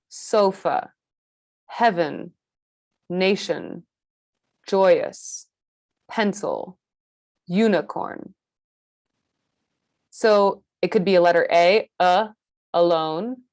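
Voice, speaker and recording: A woman with an American accent teaching a pronunciation lesson, slowly modeling each vowel sound with careful explanation. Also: mid-range voice, dry recording, studio quality. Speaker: accent coach.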